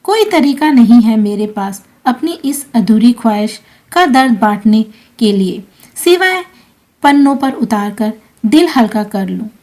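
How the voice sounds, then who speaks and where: A woman voicing a grieving young wife reading out her own letter, in a soft, sorrowful way. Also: on the high side, expressive, unhurried.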